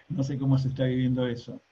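A man's voice: medium pitch, monotone, brisk, dark tone. Man hosting a webinar, dull call audio. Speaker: webinar host. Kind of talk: webinar moderation. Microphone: laptop webcam on a video call.

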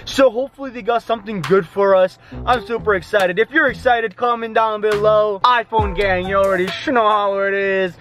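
A young man with a high voice talks to his vlog camera over background music. He is excitable and slangy, addressing viewers casually and falling back on repeated catchphrases. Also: normal speed, hardly any pauses. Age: young adult. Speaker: vlog host. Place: inside a car at night and outdoors by it. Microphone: handheld camera at arm's length.

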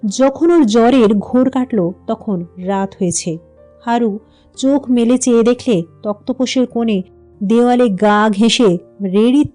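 A woman narrating a classic short story in a calm, even reading voice. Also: mid-range voice.

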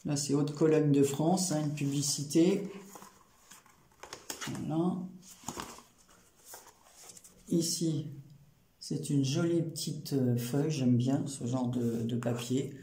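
A man's voice: on the high side, steady tone, slow, mellow. A man casually showing a handmade photo album, hesitant, with many fillers and restarts. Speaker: crafting channel host. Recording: roomy echo with faint noise.

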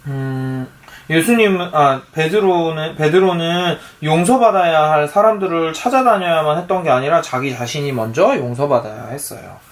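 A man's voice: on the high side, moderate pace. A father reading a picture book aloud to his young child, patiently asking her questions as he reads.

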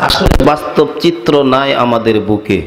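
A man from Bangladesh preaching an outdoor sermon in rhymes, chanting and shouting, calling for loud responses. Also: medium pitch, expressive, moderate pace, roomy sound, noisy background. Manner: rhyming, chanting, drawing loud call-and-response from the crowd. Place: open-air market gathering.

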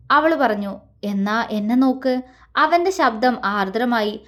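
A woman reading a romance story aloud, narrating in a soft, steady way. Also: on the high side.

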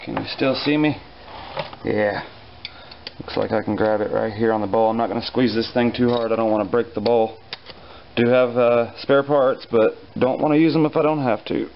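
A man casually explaining a small engine repair in his home garage, relaxed and dryly joking, with plenty of fillers as he works. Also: medium pitch, vocal fry, muffled recording, slight background noise. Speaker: repair instructor. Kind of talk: casual hands-on repair tutorial.

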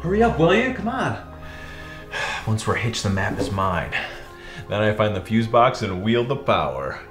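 A man's voice: fairly low pitch, big pitch swings, normal speed, soft background music. A young man playing an intense, scheming boyfriend, earnest and pressing in a melodramatic comedy style. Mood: pushy. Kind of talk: comedic web-series acting.

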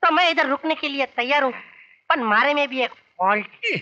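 A woman's voice: high-pitched, animated, brisk, sharp tone. A woman playing a scheming young nomad woman in a film, teasing and coy. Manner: coy, teasing, then wailing for help. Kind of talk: Hindi film acting. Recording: dull film soundtrack with music.

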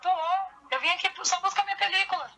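A woman's voice: very high-pitched, fast, over loud music. A woman talking over a phone on speakerphone from her car, blunt and impatient in casual chat. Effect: heard over a phone on speakerphone. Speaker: friend being pranked on a call. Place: in her car in a city center.

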